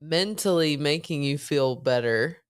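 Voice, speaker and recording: A woman's voice: low-pitched, measured pace, smooth. A woman hosting a podcast, chatting casually and explaining things thoughtfully. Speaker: podcast host. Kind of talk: casual chat.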